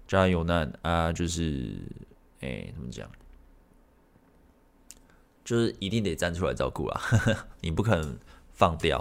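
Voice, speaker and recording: A man hosting a podcast, telling a personal story in a rambling, frank way and swearing freely. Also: low voice. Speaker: podcast host.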